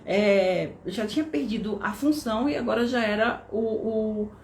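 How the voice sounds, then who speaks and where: The instructor's voice is fairly high and unhurried, with a Brazilian Portuguese accent, as she teaches an online lesson step by step. Tag questions keep checking in with listeners, and the echoey room carries faint background noise.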